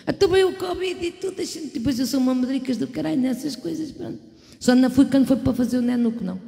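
Middle-aged Portuguese woman, high-pitched, casual bawdy live-stream host; long hall reverb. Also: fast, gravelly, mellow. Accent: European Portuguese. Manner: bawdy, chatty, laughs often, sends kisses to viewers. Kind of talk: casual live-stream chat with shout-outs. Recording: echoey room with long reverb and music.

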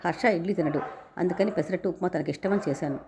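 A woman's voice: on the low side, quick pace, background noise, lightly acted. A woman reading the lines of a modest, hardworking young wife in a narrated story. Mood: earnest.

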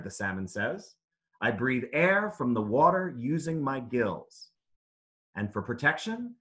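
A man with a bright, forceful, fairly high voice reads aloud to children like a teacher. He uses simple phrases and asks his young listeners questions in this interactive read-aloud lesson.

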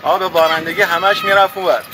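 A man's voice: sits high, flat delivery, noisy background. A man, a local resident, explaining a complaint in plain talk.

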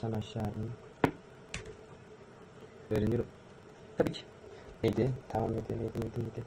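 A man's voice: fairly low pitch, completely flat delivery, vocal fry, heavy background noise. A man in his twenties, a live streamer, chatting casually with his viewers and muttering slangy asides to himself as he types. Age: 20s. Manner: fast, slangy, mutters to himself while typing. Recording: loud music playing behind the voice. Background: loud music.

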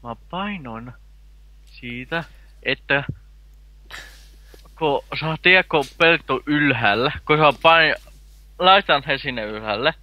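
A man chatting casually while gaming, rambling through halting explanations. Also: fairly high pitch, pushed and bright, no echo. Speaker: gamer.

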